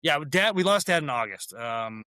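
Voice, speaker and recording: Male guest, former DJ turned brewer; bright, forward tone, loose self-correcting delivery, dry room. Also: a little high, expressive, dry recording. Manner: rambling, self-correcting, quick laughs. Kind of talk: casual interview chat.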